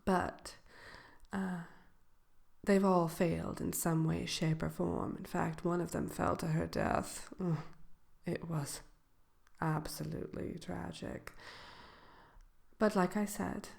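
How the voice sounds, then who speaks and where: A woman voicing the Wicked Witch as a haughty yet gracious shopkeeper in a soft ASMR role-play, genteel and coy, often slipping into a whisper. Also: lowish voice, fairly even intonation, heavily acted. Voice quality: creaky, breaking into whisper. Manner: unhurried, hesitant pauses, genteel, coy.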